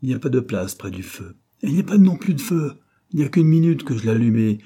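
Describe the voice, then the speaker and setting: A man voicing a shrill, ill-tempered working wife who scolds and shouts. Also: quick pace, breathy edge. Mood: scolding. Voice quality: piercing, shrill.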